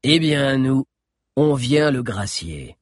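A man voicing a huge teenage boy leader who speaks calmly and threatens in a low voice. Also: slow pace, dry recording, clean studio sound. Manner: calm, commanding, low menace. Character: giant teenage boy leader, bold and menacing.

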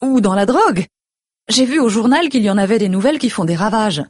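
A woman voicing a worried middle-aged mother who fires off anxious, pleading questions in a breathy voice. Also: mid-range voice, expressive, no room sound, clean studio sound, voice pushed up. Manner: rapid stream of anxious questions.

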